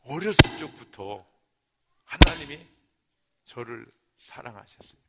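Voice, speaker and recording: A male pastor preaching a sermon in a church, his voice slightly hoarse, moving from quiet asides to loud, heartfelt pleading. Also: mid-range voice, animated, normal speed, very noisy. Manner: emotional, swings from soft asides to loud fervent preaching. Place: church sanctuary. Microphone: handheld or stand mic.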